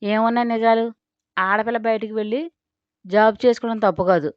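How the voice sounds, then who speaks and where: A woman's voice: a little high, fairly even intonation, a little fast, no echo, natural voice. A proud, stern middle-aged father scoffs and scolds, as a woman narrator reads him. The delivery is scornful and hard. The recording is dry with a muffled top end.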